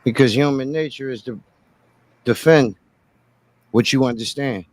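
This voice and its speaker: Calm, reflective man in mid-range. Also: medium pitch, a little slow, no room sound. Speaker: co-host. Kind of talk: casual live talk show chat.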